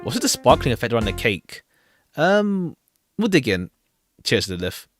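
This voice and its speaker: This streamer has a very animated, mid-range voice at normal speed. Playing with music behind him, he chats casually, reads game dialogue out loud, rambles, and says things more than once.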